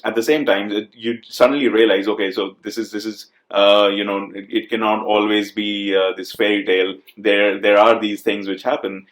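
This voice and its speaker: Low-voiced man from India, thoughtful. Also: reverberant. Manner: thoughtful, many "uh" fillers and repetitions. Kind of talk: conversational interview.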